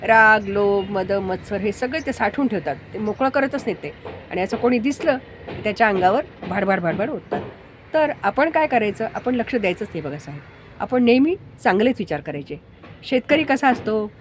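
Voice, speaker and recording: A woman voicing a calm, humble male rickshaw driver who patiently shares simple homespun wisdom. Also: high-pitched, a little fast, slight background noise. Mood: explaining calmly.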